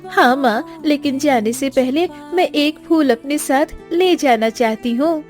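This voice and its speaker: A woman's voice: high voice, unhurried. A woman voicing a playful teenage girl who teases her mother, over background music. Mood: pleading. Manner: teasing, cheeky. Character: playful teenage girl, teasing younger sister. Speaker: voice actor. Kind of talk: dubbed cartoon acting.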